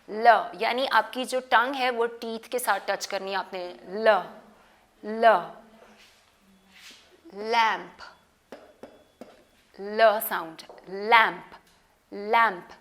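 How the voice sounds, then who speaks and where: Slow, high-voiced woman teaching phonics. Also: fairly bright tone. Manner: slow, drawn-out sounding of letters with questions to pupils; mixes Hindi-Urdu with English words. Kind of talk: slow classroom phonics lesson. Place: studio.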